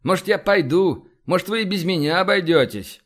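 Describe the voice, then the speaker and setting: A gruff, impatient starship commander, as a male audiobook reader puts him on, pitched a little higher and louder than the reader's own voice. He barks brusque orders in this science-fiction audiobook. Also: animated, moderate pace. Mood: irritated.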